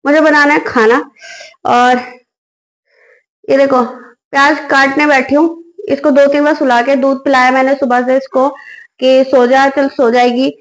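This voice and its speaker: A woman's voice: high voice, flat delivery, measured pace, pauses often, rough recording. A young woman, a tired and hungry mother, talking frustrated and weary straight to the camera in a casual home vlog, filmed at home at night. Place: home bedroom and kitchen at night. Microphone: phone camera on tripod.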